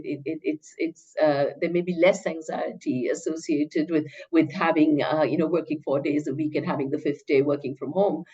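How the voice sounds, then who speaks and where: A middle-aged woman professor with a lowish, very mellow voice, heard on slightly dull audio. She reasons out loud in careful scholarly phrases, hesitating and stammering over words as she goes. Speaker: academic researcher, professor. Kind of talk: interview answer, academic discussion.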